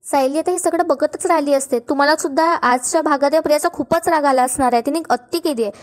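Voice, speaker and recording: A woman retelling a television serial episode in an animated way, adding her own asides to the listener. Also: sits high, fast.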